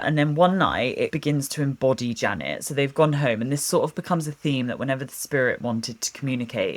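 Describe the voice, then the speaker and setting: A woman's voice: rumbling low, fairly bright tone. A woman co-hosting a podcast, telling a ghost story in casual chat, giggly and rambling, swearing freely. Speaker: podcast co-host.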